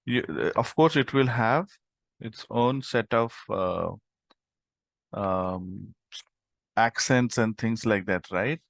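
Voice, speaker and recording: A man's voice: fairly low pitch, takes it slowly, gravelly, pauses often, dry recording. A man teaching a live coding tutorial over an online call, explaining step by step with frequent "okay" and "right?". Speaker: instructor.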